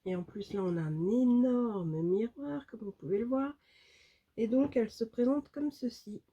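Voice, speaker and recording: A woman's voice: a little high, moderate pace, dark tone, slightly rough, dull audio. A woman beauty vlogger chatting casually and enthusiastically to her viewers about makeup, with lots of fillers. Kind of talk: casual makeup vlog chat.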